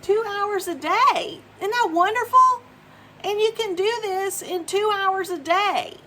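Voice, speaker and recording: Speaking slowly in an extremely high voice, a vlogger in her fifties addresses the camera in a home video. Her promotional talk is casual, cheerful, encouraging, and repeats itself.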